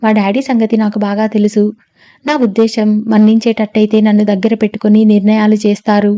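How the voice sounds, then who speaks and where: A woman's voice: mid-range voice, level tone, a little fast, dark tone, highs cut off, natural voice. A woman reading the part of a spirited young woman who protests emphatically in a storybook reading. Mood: indignant.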